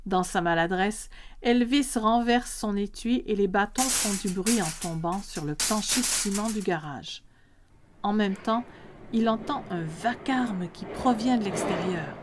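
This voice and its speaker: A woman's voice: mid-range voice, measured pace, background noise. A woman reading a scripted story as a podcast narrator.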